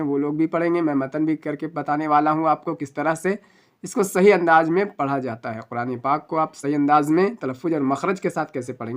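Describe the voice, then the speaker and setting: Smooth-voiced man teaching Quran reading. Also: fairly high pitch, fairly bright tone. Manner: patient, spells each letter slowly, stretches vowels when reciting. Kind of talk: Quran recitation lesson, spelling out letters.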